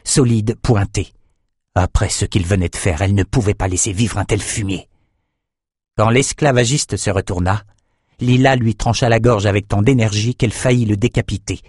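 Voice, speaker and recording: Low-pitched male narrator, steady measured reading, dry close-miked studio sound. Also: dry recording. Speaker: audiobook narrator. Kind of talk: scripted narration.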